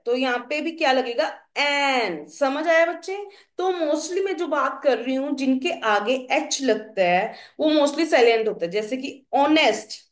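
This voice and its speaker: Young female teacher, high voice, slow explanations, roomy echo. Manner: explains slowly, asks the class questions. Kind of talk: classroom grammar lesson. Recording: echoey room.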